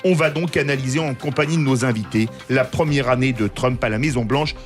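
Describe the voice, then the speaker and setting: A man's voice: mid-range voice, a little fast, soft background music. A man hosting a radio talk show, reading a polished introduction and moderating guests. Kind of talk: scripted introduction then moderating.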